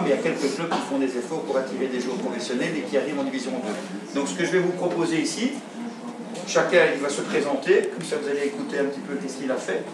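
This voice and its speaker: A man's voice: mid-range voice, far from the mic, background noise. Man coach talking to kids in an echoey room. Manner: rambling, repeats himself with fillers. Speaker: youth football coach. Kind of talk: addressing a group of kids.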